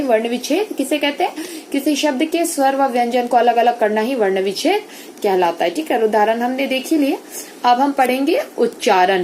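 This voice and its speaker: Woman, school teacher, online lesson, high voice, asks and answers her own questions, faint noise behind. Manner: explains step by step, often checks with "theek hai"; asks the class questions and answers them herself.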